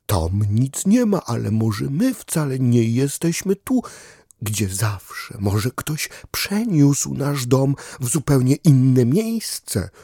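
Storybook dog: gentle thinker, higher than the reader, a man voicing him, husky tone. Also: very animated, dry recording, clean studio sound, full character voice. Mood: musing. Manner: slow, pondering. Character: thoughtful male dog, calm and musing. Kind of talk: audiobook character voice.

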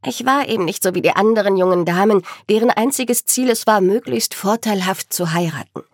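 A woman reading a novel aloud in the first person, with expressive, measured storytelling. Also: medium pitch, no room sound, studio quality. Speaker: audiobook narrator.

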